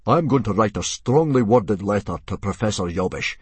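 A loud middle-aged Viking chief, gruff and easily rattled, booming his complaints. The voice is low and a little husky. A man acts him out in a storybook reading. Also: animated, normal speed, no echo. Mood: blustering. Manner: blustering, booming.

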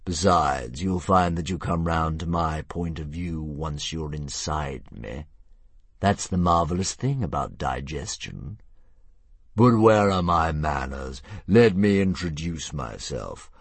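A vast old dragon, sleepy and sinisterly polite, stretching every word. His voice sits very low and a little husky, with sweeping rises and falls. A man acts him out in a storybook reading. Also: lively intonation, no room sound, exaggerated voice. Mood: smugly polite. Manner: slow, drawling, courteous menace.

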